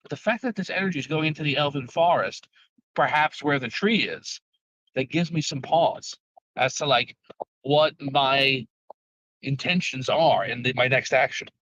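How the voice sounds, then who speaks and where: A man's voice: medium pitch, normal speed, fairly bright tone, no room sound. Man rambling over car speakerphone. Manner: rambling and thinking aloud. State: talking while driving. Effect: car speakerphone call. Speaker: tabletop game player. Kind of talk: casual chat about a game episode. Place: in a moving car. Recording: dull lo-fi call audio, dropping in and out.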